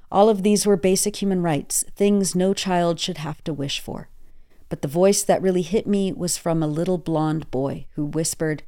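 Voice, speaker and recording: A woman hosting a newscast, reading quoted accounts in a measured, earnest way. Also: sits low, warm tone. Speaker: news host. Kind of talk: scripted news narration.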